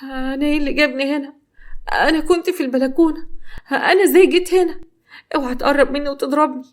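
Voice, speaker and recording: Female narrator as a terrified young Egyptian wife; pitched up, pleading, quick. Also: fairly even intonation, natural voice. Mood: frightened. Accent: Egyptian Arabic. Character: frightened pregnant young wife, trapped.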